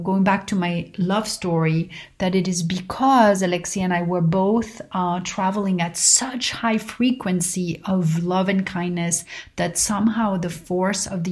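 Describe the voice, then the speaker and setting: A woman giving a motivational spiritual talk in a serene, guru-like manner, pausing deliberately between short phrases as she addresses her listeners. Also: fairly low pitch, a little mellow. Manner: addresses listeners directly as friends. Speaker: host sharing personal reflections.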